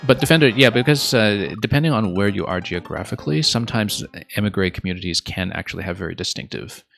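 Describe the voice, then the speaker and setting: A man who is not from Japan streams a level-making game, chatting casually and thoughtfully with viewers and using many fillers. His voice is fairly low, quick, slightly bright, and has vocal fry. Faint game music plays in the background.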